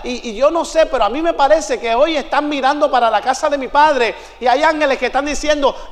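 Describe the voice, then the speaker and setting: High-voiced preacher in a hall. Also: male voice. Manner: storytelling, swings into shouts and song. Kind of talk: sermon. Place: church. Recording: long reverb of a church hall.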